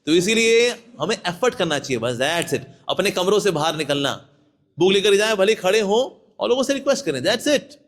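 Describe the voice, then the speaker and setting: Lively high-voiced monk preaching. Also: male voice, normal speed. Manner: lively, acts out people with sudden voice shifts. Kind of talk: devotional talk to devotees.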